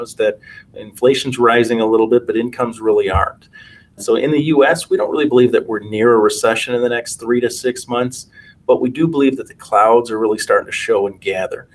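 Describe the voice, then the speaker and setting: A man's voice: fairly low pitch, far from the mic, rough recording. A man in his late forties from the United States, talking conversationally as a podcast guest and financial adviser. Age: late 40s. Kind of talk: conversational interview answers.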